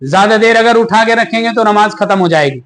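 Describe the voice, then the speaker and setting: A man teaching the steps of prayer in a question-and-answer style. He recites verses slowly with pauses and asks questions that he answers himself. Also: sits high, expressive, fairly bright tone. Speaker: religious teacher. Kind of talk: step-by-step prayer lesson.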